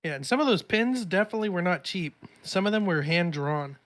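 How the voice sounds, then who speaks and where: A woman's voice: on the low side, animated, fairly quick. A woman telling a story in an easygoing, casual way while chatting with friends. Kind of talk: casual chat among friends.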